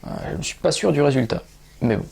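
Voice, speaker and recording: Male dog trainer, gravelly tone, halting casual book review. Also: on the high side, lively intonation, a little mellow. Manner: hesitant, many "euh" fillers.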